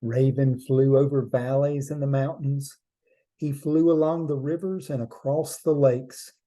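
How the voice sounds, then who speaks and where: A man telling a traditional trickster tale as a storyteller, in measured short phrases with deliberate pauses. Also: medium pitch, flat delivery, dark tone.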